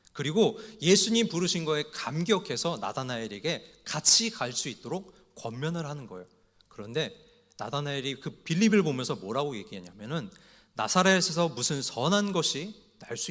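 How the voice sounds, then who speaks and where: A man's voice: mid-range voice, fairly bright tone. A male pastor preaching an evening worship sermon and telling humorous anecdotes along the way. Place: church sanctuary. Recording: long hall reverb.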